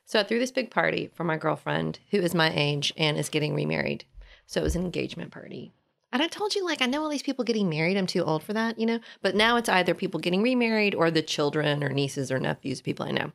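Lady in her 40s, gravelly voice, lively storyteller, casual podcast chat. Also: on the low side, fast talker. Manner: animated storyteller. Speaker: podcast co-host.

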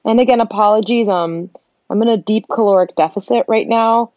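A woman co-hosting a casual comedic podcast, speaking in a flat, deadpan voice with vocal fry. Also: medium pitch, brisk, dry recording, highs cut off. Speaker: podcast co-host.

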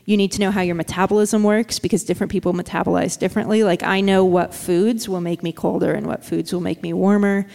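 Woman guest, chatty and quick with many fillers, recorded with a long reverb tail. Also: lowish voice, fairly even intonation, creaky, dark tone. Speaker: guest, dog musher. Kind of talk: casual interview chat.

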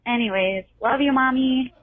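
A woman leaving a voicemail for a podcast, telling a small story in a slow, halting way. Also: high voice, dry recording. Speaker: voicemail caller. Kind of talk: voicemail message. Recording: tinny phone voicemail.

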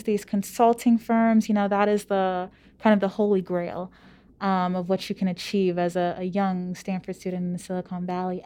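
A college student in her twenties from Louisiana tells her own story in a casual interview, tossing out lively, emphatic rhetorical questions. Her mid-range voice has a clean tone.

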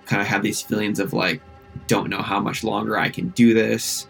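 A man's voice: fairly low pitch, level tone, normal speed, gravelly, a bit bright. A man casually recounting his own ordeal, chatty and self-deprecating, with lots of filler words. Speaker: interviewee recounting his accident. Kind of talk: casual first-person recollection. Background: faint music.

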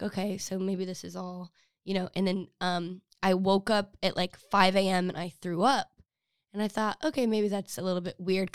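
A woman's voice: medium pitch, clean tone, dry recording, studio quality. A young woman hosting a podcast, chatting casually and rambling through a story with fillers and asides. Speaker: podcast host. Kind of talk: casual chat.

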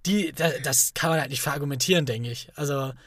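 Male podcast co-host, high voice, earnest and talkative, dry close recording. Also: fast, fairly bright tone, dry recording. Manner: earnest, argues his point at length. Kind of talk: casual podcast chat.

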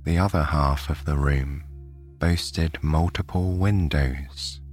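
Slow, deep-voiced British man reading a bedtime story. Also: soft background music. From United Kingdom. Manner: slow, soft and soothing. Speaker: narrator. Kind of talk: bedtime sleep story narration.

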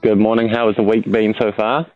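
A man's voice: lowish voice, flat delivery, brisk, no echo, phone-quality sound, faint music behind. A man with a New Zealand accent explaining the weather informally in a conversational radio interview. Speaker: weather forecaster.

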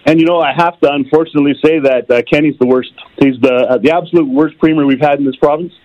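Man over the phone, opinionated caller, somewhat higher voice, dull phone sound. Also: steady tone, quick pace. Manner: opinionated, loose and conversational. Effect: heard over the phone. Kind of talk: casual call-in chat. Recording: muffled phone line.

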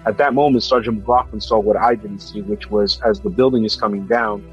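A man with a fairly low voice tells his story as testimony, stopping and restarting often. The sound is slightly dull and lo-fi, with faint music under him. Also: steady tone. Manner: halting, with frequent fillers and restarts. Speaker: police officer recalling a disaster. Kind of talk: recounted personal testimony.

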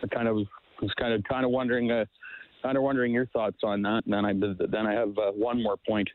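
A man calling in to a sports talk show over the phone, speaking haltingly with many fillers and restarts. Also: on the low side, level tone, no room sound. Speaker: caller. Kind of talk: sports call-in chat. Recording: dry tinny phone line.

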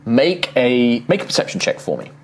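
A man working as game master, narrating a tabletop role-playing game with measured, atmospheric description. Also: mid-range voice, big pitch swings, slight background noise.

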